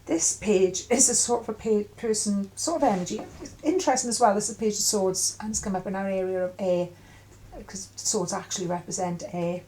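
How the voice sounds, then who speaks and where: A middle-aged woman giving an intuitive tarot reading in a musing, halting way with many fillers. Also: mid-range voice, dark tone, low-quality recording. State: coughing at times. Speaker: tarot reader.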